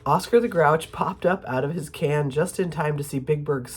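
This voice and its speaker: A woman's voice: deep voice, moderate pace, slight background noise. Sick woman reading a children's book. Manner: playful, chatty asides. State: sick, coughing. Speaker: storytime host.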